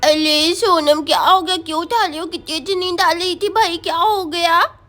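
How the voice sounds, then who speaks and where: A woman's voice: very high-pitched, fairly even intonation, moderate pace, fairly bright tone. A woman voicing a sleepy, easygoing schoolgirl who goes along with her friend's plan. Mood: drowsy.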